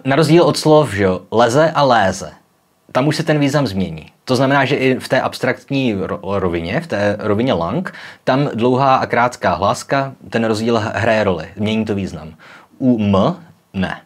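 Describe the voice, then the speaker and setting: A man's voice: lowish voice, lively intonation. A young man hosting a casual popular-science video, explaining in a chatty way with frequent tag questions and demonstrating sounds aloud. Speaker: educational video host.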